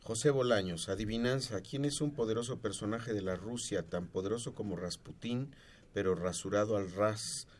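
A man on a radio show reading out listener messages in a plain, brisk manner. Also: fairly low pitch, darkish tone, a little hiss or hum. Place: radio studio.

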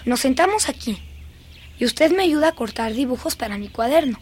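A woman's voice: high voice, lively intonation, brisk, a little hiss or hum. A woman dubbing a dreamy, eerie little girl who is fascinated by dead beetles, in a lingering, singsong, childlike way. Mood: soothing. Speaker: dubbing actress. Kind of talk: film dubbing.

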